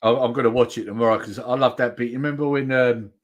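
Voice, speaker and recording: A man's voice: mid-range voice, fast talker. A man in casual chat on a comics stream, recounting film scenes with swearing. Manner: animated storytelling with laughs and swearing.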